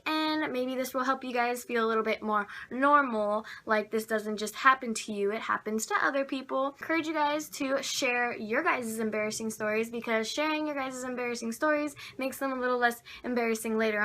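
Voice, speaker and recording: A woman's voice: high voice, sharp tone. Chatty young woman on a phone video. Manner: chatty, peppered with "like". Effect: recorded on a phone. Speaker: vlogger. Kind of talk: casual storytelling to camera. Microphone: phone camera.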